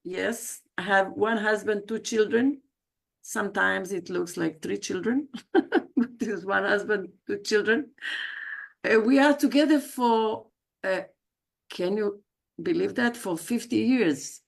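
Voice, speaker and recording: On a livestreamed video call, a guest speaker who works as a leadership coach gives a self-introduction; she's from South America and talks in a personal, chatty style full of hesitations and self-corrections. Her gravelly voice is medium-pitched and slow.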